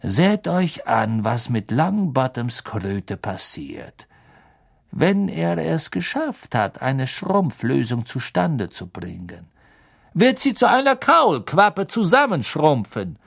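Brief: a man playing a cold, mocking teacher with a slow drawl and a gravelly edge, lively pitch. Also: full character voice. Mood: cold command. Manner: slow, drawn-out, icy and mocking. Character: cold sneering male potions teacher, adult.

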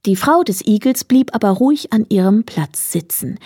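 A woman reading a fairy tale aloud as storyteller, in a calm, measured manner. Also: medium pitch, husky, no room sound, studio quality.

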